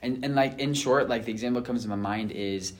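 A man's voice: mid-range voice, fast talker. A man hosting a casual discussion as a therapist, earnest and full of fillers and restarts. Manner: earnest, many fillers and restarts, acts out couples' voices. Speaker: host and therapist.

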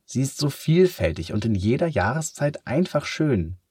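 A man's voice: medium pitch, big pitch swings, normal speed, a little mellow, slightly rough, no room sound, clean studio sound, pitched above the performer's own voice. A man voicing an earnest young boy in a children's story, lifting his voice above his own. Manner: earnest, lifted voice.

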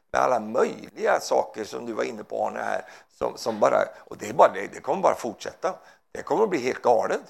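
A man with a medium-pitched voice and some vocal fry preaches informally, fervent and rambling. He keeps restarting and wandering into asides, sprinkling his talk with hallelujahs and amens.

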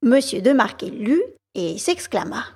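Woman narrating with a gravelly edge. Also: fairly high pitch. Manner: steady, measured storytelling. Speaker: podcast storyteller. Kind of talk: audiobook narration.

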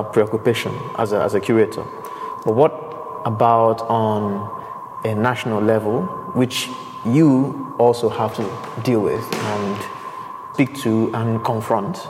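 A man hosting a podcast interview, asking searching questions and restarting his sentences as he thinks aloud. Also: medium pitch. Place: exhibition space indoors. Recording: reverberant hall with clear background noise.

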